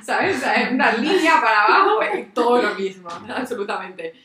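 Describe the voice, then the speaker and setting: A woman's voice: on the high side, sing-song, a little fast, a bit bright, a little hiss or hum. A woman from Spain with a Spanish accent, chatting casually and quoting others with amused disbelief. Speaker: podcast co-host. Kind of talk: casual chat. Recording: echoey room, from a distance.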